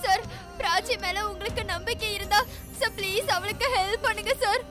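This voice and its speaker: A woman's voice: extremely high pitch, fairly quick. An actress dubbing a young woman who apologizes tearfully and begs for help for a friend. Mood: remorseful. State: crying. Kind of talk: dubbed television serial acting. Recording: loud music score under dialogue.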